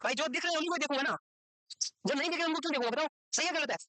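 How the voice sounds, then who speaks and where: A man teaching a medical course, lecturing in a chatty, joking way and quizzing students with quick questions he answers himself. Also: very high-pitched, bright, forceful tone, no echo, low-quality recording. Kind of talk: lecture to a class, mixed with casual chat. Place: classroom with students present and online.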